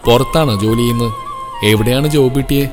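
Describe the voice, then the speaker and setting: A man's voice: mid-range voice, steady tone, fast talker, natural voice. A man voicing a kindly old schoolteacher. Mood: caring. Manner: gentle, caring, firm when angered. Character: kindly older retired woman teacher. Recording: reverberant audio with soft music.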